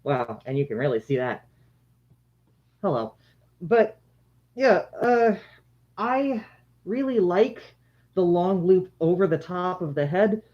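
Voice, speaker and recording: A livestream host with a mid-pitched voice, captured in slightly dull, lo-fi audio. The delivery is casual and explanatory, like someone walking viewers through a handmade product. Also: very animated, slow pace, pauses often. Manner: conversational, explanatory, addressing viewers. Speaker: livestream host demonstrating handmade face masks. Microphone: shared microphone, sometimes turned away from it.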